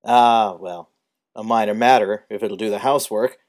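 Wry, weathered older man, brusque questions, read by a male narrator, low-ish voice. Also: moderate pace, darkish tone, lightly acted. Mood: dry, wry. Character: gangling weathered older man, dry and sardonic. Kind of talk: audiobook character reading.

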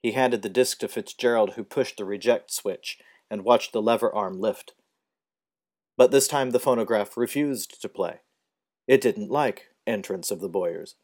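Male audiobook narrator, somewhat low, calm measured storytelling.

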